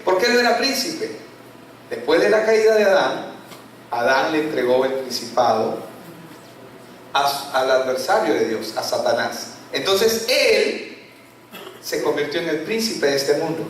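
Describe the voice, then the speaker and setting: A male pastor preaching a sermon, full of rhetorical questions and falling low on key words. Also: a bit bright, a little hiss or hum. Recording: echoey church hall from far off.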